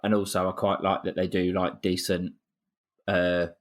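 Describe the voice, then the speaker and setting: A man's voice: deep voice, flat delivery, normal speed. A man co-hosting a football fan podcast, easygoing and chatty, retelling stories with quoted asides. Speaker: podcast co-host. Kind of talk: casual fan chat.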